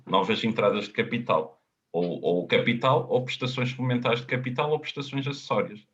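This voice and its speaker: A man with a European Portuguese accent, a consultant answering webinar questions in a halting, explanatory way, often repeating words. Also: medium pitch, a bit bright. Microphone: video call. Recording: dull lo-fi webinar audio.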